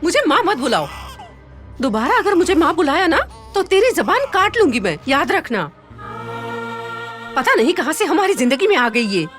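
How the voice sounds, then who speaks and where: A woman playing a cruel stepmother in a family drama, talking in a harsh, shrill way. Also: very animated, normal speed, pauses often, fairly bright tone, soft background music. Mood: angry. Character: cruel, scolding stepmother of a young girl. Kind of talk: Hindi family drama acting.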